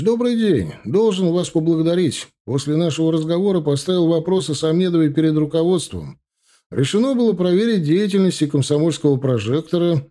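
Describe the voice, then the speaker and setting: Casting: a man doing a sneering, officious vice-rector, raised pitch, husky warm voice. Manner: sneering, officious phone politeness. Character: mocking university vice-rector, middle-aged man.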